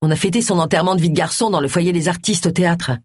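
A woman's voice: lowish voice, very fast, a little mellow, breathy edge, dry recording. A woman voicing an angry, distressed young man, a son who speaks in agitated outbursts. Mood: confused.

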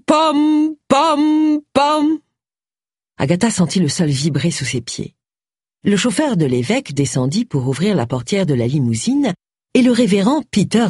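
Lively breathy woman narrating an audiobook. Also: deep voice, no echo, clean studio sound. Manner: lively expressive reading. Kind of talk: scripted narration.

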